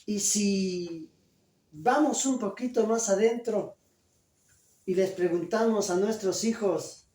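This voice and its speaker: A pastor delivering a sermon, loud and emphatic, full of rhetorical questions. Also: male voice, high voice, slow pace. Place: church. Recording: echoey church from a distance.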